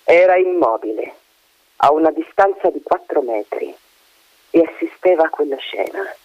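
Animated man reading a story aloud. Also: fairly high pitch, moderate pace, dry recording. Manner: animated, voices characters. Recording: dull dry recording.

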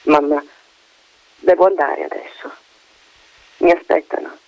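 Man doing a quiet young soldier, held back and a bit bitter, gravelly, slow, muffled radio. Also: on the high side, wildly swooping pitch, no room sound, exaggerated voice. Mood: restrained. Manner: contained, slightly bitter. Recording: dull lo-fi radio recording.

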